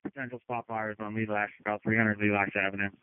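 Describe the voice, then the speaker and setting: A man with a lowish, clean voice talks fast and flat as a fire incident commander giving terse emergency traffic over a two-way radio. There's no echo, and the transmission sounds tinny and narrowband, like fire radio.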